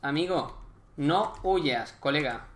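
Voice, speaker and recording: A young man with a Spain Spanish accent doing live gameplay commentary, chatty and excitable, swearing and joking in slang. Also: fairly high pitch, slow, a little hiss or hum. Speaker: gaming YouTuber.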